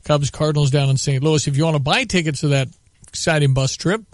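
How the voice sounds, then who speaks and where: A man's voice: a little high, fairly quick, dry recording, clean studio sound. A man hosting local sports radio, doing live ad reads and announcements.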